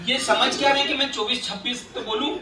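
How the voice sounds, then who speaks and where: A man's voice: extremely high pitch, steady tone, quick pace, over a noisy crowd. A man giving a joking motivational talk to an audience at a youth leadership session and teasing the listeners with questions. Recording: roomy echoey hall from far off.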